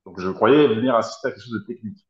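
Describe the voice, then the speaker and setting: A man's voice: fairly low pitch, very fast, a little mellow, reverberant, highs cut off. A man in his thirties from France, answering interview questions in a reflective, hesitant way over a video call. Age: 30s. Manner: reflective, hesitant, searching for words. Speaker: guest, helping professional. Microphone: video call from abroad.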